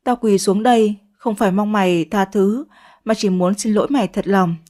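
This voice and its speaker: A woman's voice: mid-range voice, normal speed, warm tone, natural voice. A woman voicing a remorseful young woman who begs forgiveness in a pleading, ashamed way.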